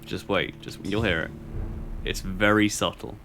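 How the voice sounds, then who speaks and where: A man's voice: low-pitched, measured pace, gravelly, sharp tone, slight background noise. A young man casually commenting while he plays a game on stream, wry and rambling, often muttering to himself. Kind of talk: casual let's-play commentary.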